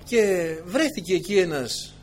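Male preacher, sermon delivery, higher-than-average pitch, very animated, storytelling. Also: slight background noise. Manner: animated storytelling with many asides. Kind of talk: sermon to a congregation.

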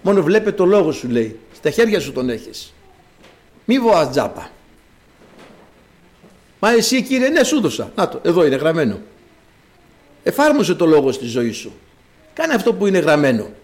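A male preacher delivers a sermon in a high voice that swings widely in pitch. He speaks dramatically, firing rhetorical questions at his listeners. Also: sing-song, a little mellow.

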